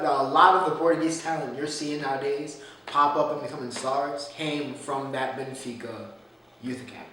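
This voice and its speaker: A man's voice: medium pitch, fairly bright tone. A man hosting a casual solo sports talk show with a groggy morning voice, rambling and opinionated with frequent restarts. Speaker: sports podcast host. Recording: echoey room, distant mic, faint noise.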